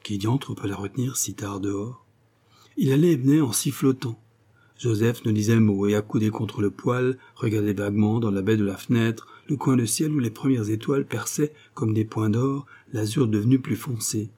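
Male audiobook narrator, husky and mellow, steady literary reading. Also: fairly low pitch, moderate pace. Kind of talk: scripted narration of a novel.

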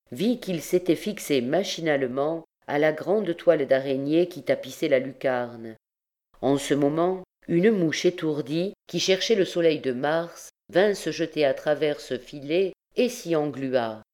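Woman audiobook narrator, unhurried and measured, classic novel reading. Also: low-pitched, warm tone. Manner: slow, measured literary reading. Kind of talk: scripted narration.

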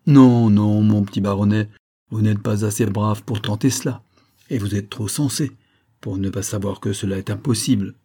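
A man's voice: medium pitch, moderate pace, mellow, husky, natural voice. A man voicing a scheming army major who talks in a cool, taunting way. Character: scheming, mocking adult male major.

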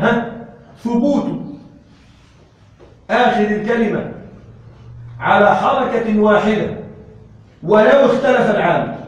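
A man's voice: high voice, lo-fi sound. Echoey male teacher quizzing his class. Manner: checks understanding with frequent questions to the class; repeats key terms slowly for emphasis. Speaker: Arabic grammar teacher. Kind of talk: classroom lesson. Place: classroom with students. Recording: echoey room, voice from a distance.

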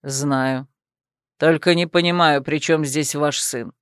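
Woman doing a cold low-voiced judge. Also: fairly even intonation, smooth, dry recording, studio quality. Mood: puzzled. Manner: low, quiet and measured. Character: cold authoritative man, a judge.

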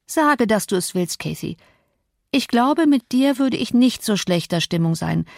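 A woman's voice: a little high, expressive, a little slow, vocal fry, darkish tone, no echo, studio quality. A woman reading an audiobook, voicing a sickly, petulant teenage boy who whines and taunts. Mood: pleading. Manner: whiny and taunting.

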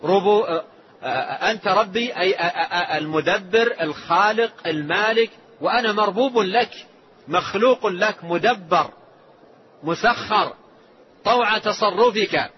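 A male religious scholar giving an explanatory lesson, speaking in a measured way and often restating his phrases. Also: sits high. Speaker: religious scholar teaching a book. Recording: dull lo-fi lecture recording, faint hiss.

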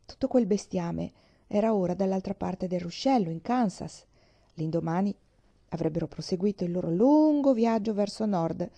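Woman, storybook reader, gentle, expressive, warm mellow voice, dull lo-fi recording. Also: medium pitch, creaky. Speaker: audiobook reader. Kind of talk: storybook reading aloud.

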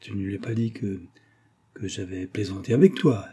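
A man's voice: on the low side, moderate pace, warm tone, slightly rough. A man voicing a sly young peasant suitor who turns wheedling and fearful, in a storybook reading.

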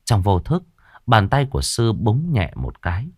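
Dramatic male storyteller, low voice. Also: very animated, unhurried, dry recording. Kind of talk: ghost story narration. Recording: dry close mic with soft music.

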